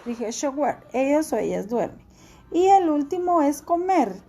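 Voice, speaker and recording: A woman's voice: high-pitched, very animated, unhurried, warm tone. A woman teacher giving a classroom language lesson, patiently repeating each verb form for her students.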